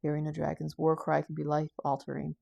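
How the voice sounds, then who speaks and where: Calm young warrior Haldrick, read by a woman. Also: low voice, brisk, gravelly, no echo, heavily acted. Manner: soft, matter-of-fact.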